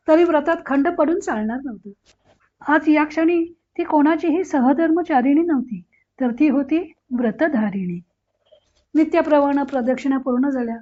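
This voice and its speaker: A woman narrating a literary novel aloud in a measured, expressive reading, in a dull lo-fi recording. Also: sits high. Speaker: audiobook reader.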